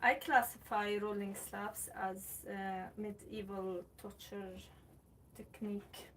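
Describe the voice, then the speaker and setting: A woman from Sweden hosts a pottery livestream from a warm studio room, chatting in an unhurried way as she greets viewers and answers their comments. Her voice sits a little back from the mic. A faint hum of room ambience stays under her speech. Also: mid-range voice, level tone, recorded from a distance. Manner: chatty, reads viewer comments aloud while working clay. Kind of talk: casual livestream chat.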